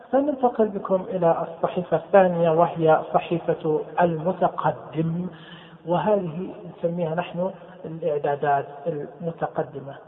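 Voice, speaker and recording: A man, walking listeners through software settings step by step and repeating key terms. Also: fairly high pitch. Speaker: instructor. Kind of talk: screen-reader software tutorial. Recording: tinny phone-like sound with long reverb.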